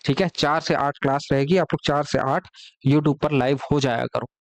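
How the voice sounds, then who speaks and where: A man's voice: a little high, steady tone, moderate pace, no echo. A man teaching a live online exam-prep class from a classroom, with a Chhattisgarh Hindi accent, explaining patiently, repeating key words and asking students questions.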